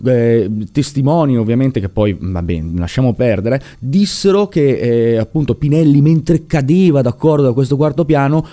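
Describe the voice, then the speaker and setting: A man narrating a true crime case as a monologue, emphatic and animated, checking in with the listener and repeating words for stress. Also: medium pitch, normal speed, few pauses.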